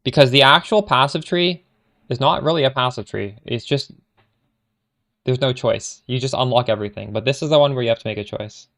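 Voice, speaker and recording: A Canadian man's medium-pitched voice comes across brisk, gravelly and a bit bright, carrying a Canadian accent. Streaming a game live, he keeps up casual chatter with viewers, answers chat questions while playing, and often trails off mid-sentence.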